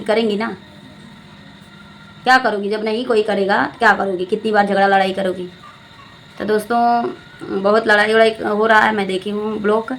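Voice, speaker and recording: A woman's voice: on the high side, fairly bright tone, a little hiss or hum, low-quality recording. A young adult woman, giving preachy, scolding commentary to her viewers and repeating her points. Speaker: vlogger commenting on a family channel. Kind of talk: casual spoken commentary to viewers.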